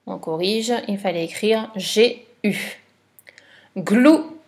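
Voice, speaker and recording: A woman's voice: medium pitch, slow pace. A woman teacher giving a patient dictation lesson for a child, spelling letters and syllables one by one.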